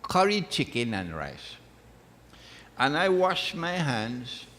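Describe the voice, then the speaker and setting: A man's voice: mid-range voice, sing-song, slow, a bit bright. A man giving a religious lecture, emphatic and repeating his phrases. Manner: emphatic, repeats phrases, recites Arabic verses. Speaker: Islamic lecturer. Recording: long hall reverb.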